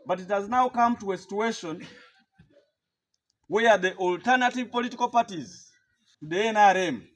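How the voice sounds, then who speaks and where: Man at a press conference, highish voice, calm and explaining things step by step. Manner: measured, explanatory, builds arguments by comparison. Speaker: political speaker at a press conference.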